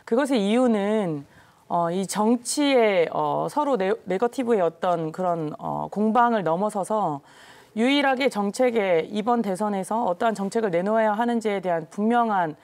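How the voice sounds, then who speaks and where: Jeju woman on a talk show, formal and careful, lots of uh pauses, mid pitch. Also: lively intonation, darkish tone. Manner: measured, formal, many filler pauses. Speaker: party election committee co-chair, guest. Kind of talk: current-affairs interview answers.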